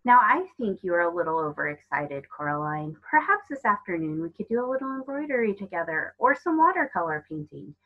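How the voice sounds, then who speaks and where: Sinister fairy-tale false mother, played by a female reader: sugary, controlling, condescending, husky edge, dull recording. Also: fairly low pitch, big pitch swings, brisk, hardly any pauses. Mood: chiding. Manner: sugary, coaxing, politely condescending. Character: sinister button-eyed other mother, sweetly controlling creature.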